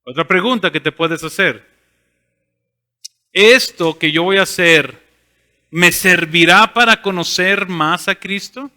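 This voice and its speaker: A man's voice: sits high, takes it slowly, pauses often, bright, forceful tone, big-room sound. A man preaching a sermon as pastor, asking rhetorical questions and answering them himself. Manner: asks rhetorical questions and voices imagined listeners. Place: church sanctuary.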